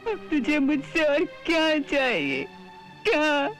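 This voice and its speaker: A woman's voice: sits high, big pitch swings, slow pace, soft background music, heavily acted. An actress playing a loving mother in a devotional TV drama, pleading and repeating herself in grief. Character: anguished loving mother of a young god.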